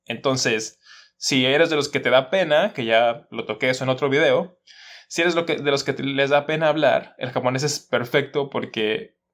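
A man's voice: mid-range voice, a bit bright. A man, talking casually to camera as a language teacher, explaining with examples and asides. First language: Spanish.

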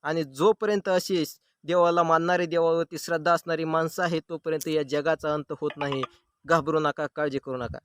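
A man with a notably high voice tells a devotional story in an earnest, preaching manner. He speaks outdoors in the sun. The sound is dry and close, with no room echo. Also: fairly even intonation, moderate pace.

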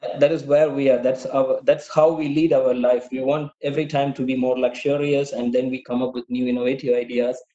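A man's voice: mid-range voice, level tone, a little fast, hardly any pauses, dark tone. A young man with a South Indian accent, a native Tamil speaker, explaining informally and a little hesitantly as a webinar guest speaker. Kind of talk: webinar presentation and Q&A. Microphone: online call microphone. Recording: roomy, dull video-call audio.

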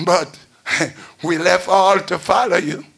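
An older man preaching at a church pulpit, chanting and shouting in a sing-song call-and-response style. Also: high voice, takes it slowly, gravelly, slightly rough. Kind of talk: chanted Pentecostal sermon. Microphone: pulpit stand mic.

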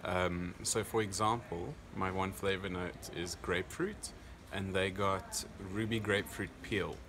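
A man's voice: low voice, fairly even intonation, a little slow. A young man with a South African accent giving a casual interview as a competitor just after performing. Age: young adult. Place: indoor convention venue. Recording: clear background noise, busy event venue.

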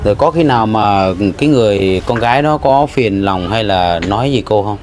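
A man's voice: lowish voice, animated, fairly quick, a little mellow. A man interviewing a villager for a charity vlog, polite and probing, sometimes stumbling over his words.

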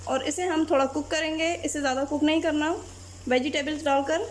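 A woman calmly explaining a recipe step by step as a cooking channel host. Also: high voice, fairly quick, a little hiss or hum. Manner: calm, plain, methodical. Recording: loud frying sizzle behind voice.

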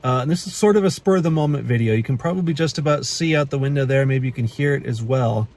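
A car vlogger in his thirties from the Pacific Northwest talks to camera from inside his parked car at night, recorded on a phone held at arm's length. His plain, medium-pitched voice is quick and a little mellow, and he's loose, chatty and matter-of-fact, with lots of uhs and restarts.

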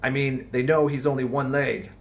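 A man's voice: mid-range voice, steady tone, normal speed, vocal fry, pitched above the performer's own voice, natural voice. A man playing a ragged, ominous old sailor. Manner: cryptic, insistent, old seafaring dialect.

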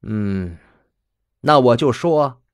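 A blunt, probing old grandmother, put on by a man. She talks slowly and measuredly, leaning on each word, her pitch rising and falling with life, in a dry close recording. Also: expressive, smooth, dry recording. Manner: slow, measured, pressing questions.

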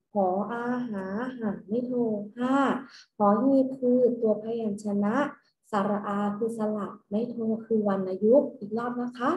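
A woman teaching small children in a slow, patient way, saying each step twice. Her voice sits a little high but sounds mellow and soft. The room around her is echoey. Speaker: kindergarten teacher. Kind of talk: recorded homework lesson for small children.

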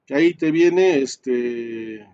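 A man's voice: medium pitch, drawn-out words, a little mellow, smooth. Man teaching a networking lab, lo-fi. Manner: explains step by step, many fillers and tag questions. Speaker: networking instructor. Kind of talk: live screen-share class.

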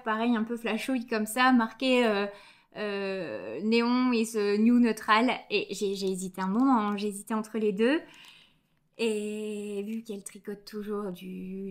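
A young woman hosting a knitting podcast, chatting casually and enthusiastically with many fillers as she shows her purchases. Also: a little high. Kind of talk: casual show-and-tell chat.

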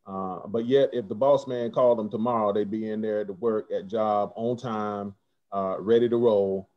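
Church elder guy, low mellow voice, kinda stumbling, muffled zoom audio. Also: fairly even intonation. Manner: earnest, halting with many restarts. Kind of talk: church testimony remarks. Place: home, indoors. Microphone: video call. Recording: dull lo-fi video call audio.

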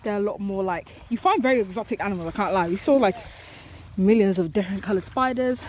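A teenage girl from the UK, chatting excitedly and giggling through a casual travel vlog. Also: medium pitch, fast talker. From United Kingdom. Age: teens. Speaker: vlogger. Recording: loud background noise.

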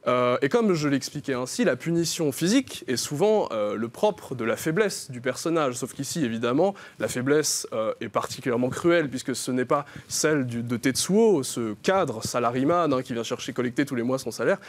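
Playful young man pitching a concept. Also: animated, moderate pace, few pauses. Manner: playful salesman tone, many fillers. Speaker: columnist. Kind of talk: mock sales pitch commentary.

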